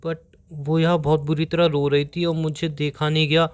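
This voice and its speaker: A young man with a slightly raised pitch, talking around in circles to explain himself. He keeps begging to be heard out, defensive and flustered, in a staged comic phone argument. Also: level tone, normal speed, smooth. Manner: defensive, rambling, pleading to be heard. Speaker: boyfriend on a call.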